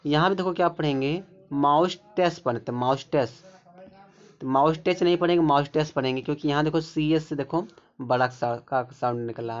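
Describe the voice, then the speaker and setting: A man teaching English pronunciation rules, explaining word by word and pointing things out again and again. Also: mid-range voice. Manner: repetitive, keeps pointing things out. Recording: dull lo-fi recording.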